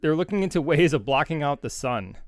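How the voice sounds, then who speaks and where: A man's voice: on the high side, lively intonation, brisk. A man co-hosting a podcast in casual chat, joking and chuckling between remarks. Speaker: podcast co-host.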